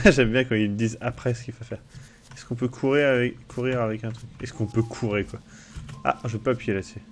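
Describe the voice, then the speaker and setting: A man's voice: medium pitch, fairly even intonation, brisk. Chatty young man streaming a game. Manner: chatty, swears often, reads text aloud. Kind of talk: casual live-stream commentary.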